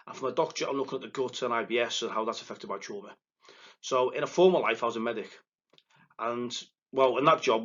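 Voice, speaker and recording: A psychotherapist with a strong Liverpool accent and a mid-range voice gives a solo recorded lecture for counselling students, no live audience present. His delivery is quick and excitable, full of verbal stumbles and restarts, and the recording's high frequencies are cut off.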